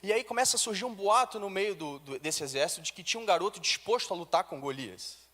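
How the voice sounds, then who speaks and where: High-voiced pastor in a church hall. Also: male voice, lively intonation, quick pace, a bit bright. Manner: storytelling with modern slang and acted dialogue. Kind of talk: sermon.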